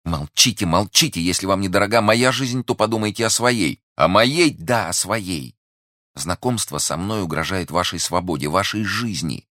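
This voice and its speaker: A man voicing a cautious, secretive young woman who speaks in hushed, urgent tones. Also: very deep voice, big pitch swings, brisk, creaky, no echo, studio quality, full character voice.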